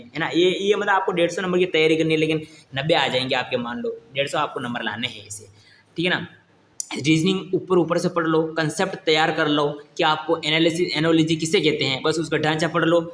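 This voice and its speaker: A man's voice: fairly high pitch, a bit bright, echoey room, a little hiss or hum. A young man, teaching an exam coaching lesson in a casual, encouraging way and often checking that students follow. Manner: repeats "ठीक है ना?" to check understanding, encouraging.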